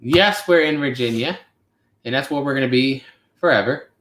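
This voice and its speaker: Heard with a roomy echo, a man in his twenties hosts his channel's casual live Q&A at a moderate pace. His mid-range voice has a fairly bright tone, and he rambles easygoingly with many fillers.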